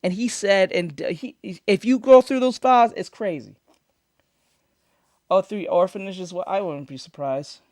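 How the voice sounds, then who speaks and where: In a foam-treated home studio, a man streams casual reaction commentary into a studio microphone, his voice high, a little slow and darkish. The sound is clean with no echo, and he rambles opinionatedly, swearing a lot and restarting often.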